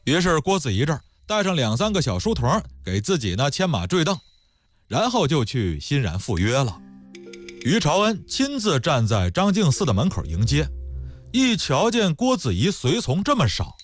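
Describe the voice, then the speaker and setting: A man's voice: fairly high pitch, wildly swooping pitch, moderate pace, faint music behind. A man telling history in a colloquial, dramatic storyteller's way, with exclamations and acted asides. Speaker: radio storyteller.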